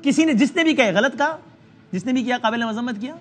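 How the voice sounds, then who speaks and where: High-voiced male TV host pressing guests. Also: expressive, fairly bright tone, faint music behind. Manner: presses guests with pointed follow-up questions. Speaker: TV news show host. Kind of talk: pressing current-affairs interview.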